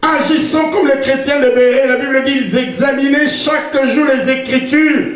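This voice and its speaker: High-voiced pastor preaching in an echoing church. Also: male voice, moderate pace. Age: 50s. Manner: emphatic, bursts into shouting, teasing. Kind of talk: sermon. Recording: echoey church hall, distant mic.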